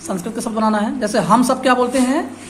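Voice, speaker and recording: A woman teaching a class, her voice sitting high. She repeats each word, translates it and keeps quizzing the students. A faint hum of the room is heard behind her. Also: fast. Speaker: Sanskrit teacher. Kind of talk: classroom lesson.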